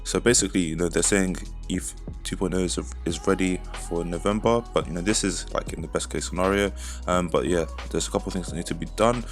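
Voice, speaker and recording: A man with a low voice presents crypto news like a casual crypto bro talking to his viewers. He rambles, doubles up on words and corrects himself as he goes. Music plays under his commentary. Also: quick pace. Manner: informal crypto bro talk, addressing viewers as "you guys". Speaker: host of a crypto news video channel.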